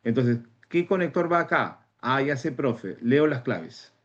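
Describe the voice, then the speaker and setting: A man with a Peruvian Spanish accent teaching an online exam-prep class, lively, and acting out both student and teacher in little back-and-forth exchanges. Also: mid-range voice, unhurried. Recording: dull lo-fi stream audio.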